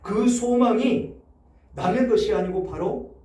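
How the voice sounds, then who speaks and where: Male pastor, emphatic sermon delivery, higher voice, echoey church recording. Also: unhurried. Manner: emphatic preaching with sharp swings in loudness. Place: church sanctuary. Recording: echoey church hall, mic set far off.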